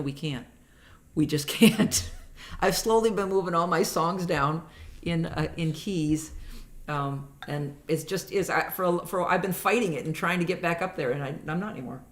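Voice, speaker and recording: A woman's voice: low voice, fairly quick. A woman hosting a casual online music show, chatting with viewers, reading their comments aloud and telling rambling stories between songs.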